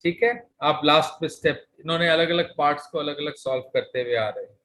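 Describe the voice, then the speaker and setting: A male teacher with a North Indian accent and a slightly high voice. He lectures an online class step by step, slipping between Hindi and English and pausing to check that students follow. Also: fairly bright tone, rough recording. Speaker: maths teacher.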